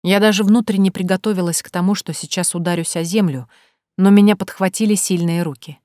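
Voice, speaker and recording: A woman reading a first-person fantasy audiobook in an expressive, tense way. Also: on the low side, a little fast, no echo, studio quality. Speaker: audiobook narrator.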